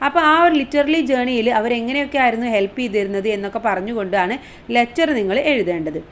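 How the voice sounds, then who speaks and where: A woman with a Malayali accent teaching an exam revision lesson, reading English text slowly and then explaining it in Malayalam. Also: on the high side, slight background noise.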